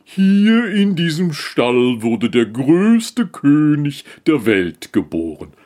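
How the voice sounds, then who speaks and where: A man voicing a dignified male camel who carries kings, speaking slowly and stately, in a storybook. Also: a little high, big pitch swings, darkish tone, pitched above the performer's own voice.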